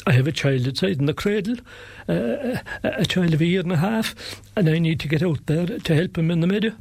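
A man's voice: fairly high pitch, expressive, fairly quick, creaky, a little mellow, husky, no echo, full character voice. A man voicing an anxious, hospitable country mother in a lilting Irish storyteller's folktale, urgent and repeating herself. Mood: pleading, hurried.

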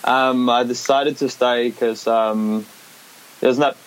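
A young man from Denmark, a skateboarder who won a competition, talks slowly in a steady, medium-pitched voice with a Danish accent during a casual interview. He hesitates, restarting often and using fillers, and the rough recording has a faint background hiss.

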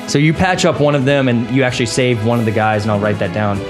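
A man's voice: medium pitch, fairly even intonation, fast talker. A man running a tabletop game as game master, narrating casually and repeating words as he improvises. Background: music.

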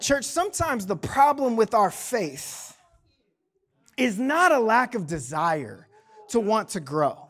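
Man, 30s, pastor; conversational sermon voice, slangy storyteller. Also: very high voice. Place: church sanctuary.

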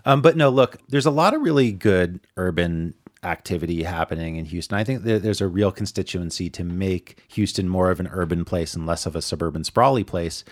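Man, deep voice, podcast host, from Northeast Ohio, casual conversational discussion, informal phrasing. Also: a little fast, hardly any pauses. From Northeast Ohio, United States.

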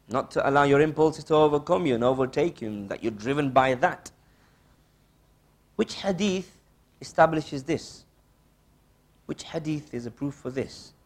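A man giving a religious lesson as a teacher, didactic and questioning, repeating key phrases with pauses and mixing Arabic quotations into English. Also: medium pitch. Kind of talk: religious lesson, quizzing listeners and explaining.

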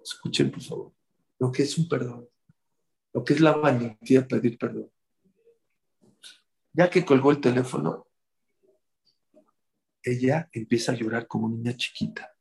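A man giving a storytelling sermon, animated and addressing his audience directly. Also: medium pitch, moderate pace, creaky, long pauses, rough recording. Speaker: religious speaker.

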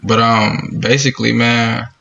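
Easygoing gravelly young man from Ohio. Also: mid-range voice, level tone, a little slow, pushed and bright, lo-fi sound. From Dayton, Ohio, US. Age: 20s. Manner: easygoing slang-heavy talk, says "man" a lot. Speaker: podcast guest, music producer. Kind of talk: casual podcast chat.

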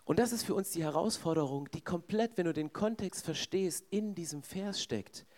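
A man's voice: high voice, moderate pace, darkish tone. A man preaching a sermon in a conversational way, speaking directly to his congregation.

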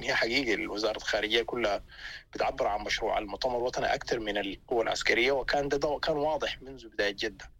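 رجل سوداني سريع الكلام بنبرة ساطعة. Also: male voice, medium pitch, vocal fry, fairly bright tone, poor audio. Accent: Sudanese. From Sudan. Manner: halting, repeats words while searching for phrasing. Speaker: political interview guest. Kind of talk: spontaneous political analysis.

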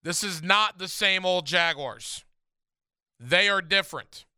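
Bright, high-pitched man doing radio contest promo. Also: slow, clear, resonant tone, no echo, studio quality. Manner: emphatic, repeats phrases, direct address to listeners. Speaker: sports radio host. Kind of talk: radio contest promo, announcing a ticket giveaway to callers. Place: radio studio.

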